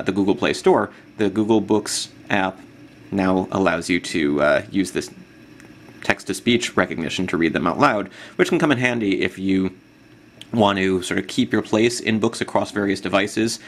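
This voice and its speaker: A man giving a relaxed, casual product demo of an app, with plenty of fillers. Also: low voice, moderate pace, a little hiss or hum. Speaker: tech blogger demonstrating an app.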